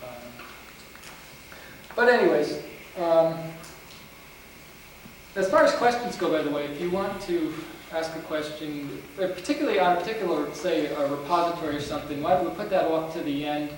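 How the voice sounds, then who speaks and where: At a meeting, a genealogy speaker with a mix of New England and North Country accents gives a rambling lecture, addressing the audience with many restarts. His voice is on the high side at normal speed with frequent pauses, and the recording is distant and roomy, picked up from far off in a meeting room with a faint hiss.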